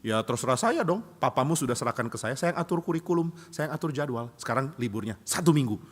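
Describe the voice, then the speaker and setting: A man voicing an old, small, wise teacher who speaks in a flat, firm, matter-of-fact way, in a reverberant church hall. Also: mid-range voice, fast, natural voice. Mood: dismissive.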